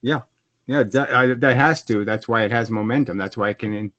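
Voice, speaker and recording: A man on a video call explaining his own physics model in casual speech, often restarting his sentences and growing animated when challenged. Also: medium pitch, fairly quick, no echo. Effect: heard over a video call. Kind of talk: conversational explaining. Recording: dull, dry video call audio.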